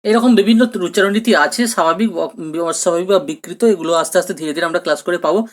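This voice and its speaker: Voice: mid-range voice, very fast. A teacher gives a recorded exam-prep grammar lesson, explaining patiently, repeating each question and often checking in with students. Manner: mixes English terms into speech.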